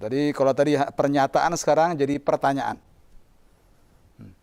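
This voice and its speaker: A man with an Indonesian accent teaching Arabic in a live lesson, drawing out model phrases slowly for students to repeat. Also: medium pitch, vocal fry, a little mellow, clear, resonant tone. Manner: slow, drawn-out model pronunciation of Arabic phrases.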